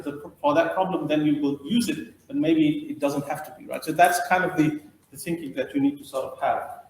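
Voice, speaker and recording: A middle-aged man leads a training session and explains his points as he works them out aloud. His voice sits a little higher than most men's. The recording has a roomy echo. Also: slight background noise. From India. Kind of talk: training lecture.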